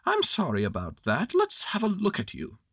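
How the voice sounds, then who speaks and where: High excited little bear voice, earnest and bouncy, dry close mic. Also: male voice, normal speed, husky, dry recording, exaggerated voice. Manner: eager, earnest and solemn at times. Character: cheerful, earnest, simple-hearted bear. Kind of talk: storybook reading.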